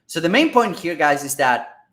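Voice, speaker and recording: A man hosting casual business commentary on advertising, energetic and excitable, often checking in with "all right?" and "guys". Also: fairly high pitch, moderate pace, reverberant. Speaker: marketing host.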